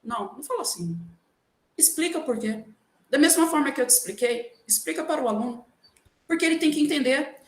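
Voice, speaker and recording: Woman, Brazilian accent, teacher, patient, emphatic explanations, raised pitch, echoey room. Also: expressive, a little fast. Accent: Brazilian Portuguese. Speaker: workshop speaker, teacher. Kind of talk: online workshop talk. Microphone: video call.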